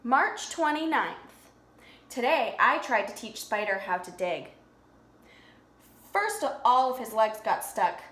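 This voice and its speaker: Like a preschool teacher, a woman reads a picture book aloud to young children, explaining in simple words and prompting them with questions. Her voice is a little high, sing-song and fairly bright, slow with frequent pauses, in an echoey room.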